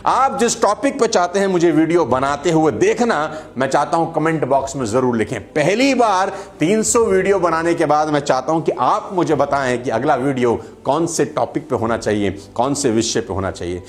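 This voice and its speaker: A man giving a motivational talk to camera, animated and storytelling, with acted quotes and jokes. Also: on the high side, normal speed, few pauses. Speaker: motivational speaker and video creator.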